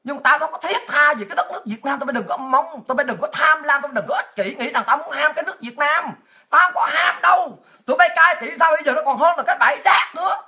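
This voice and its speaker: A high-pitched woman rants in a monologue, her voice bright and piercing. She shouts and mocks, breaking into scornful laughs. She talks like a political commentator on a livestream. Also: very fast, few pauses. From Vietnam. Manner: shouting, mocking, with crude insults and laughs.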